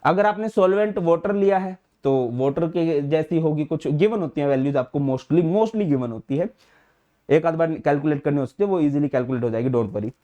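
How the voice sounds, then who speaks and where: A man's voice: on the high side, animated, mellow, muffled recording. Chatty man teaching chemistry. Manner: chatty, addresses students as beta and bhai, mixes English terms into Hindi; slows to dictate notes word by word. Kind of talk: online class lecture.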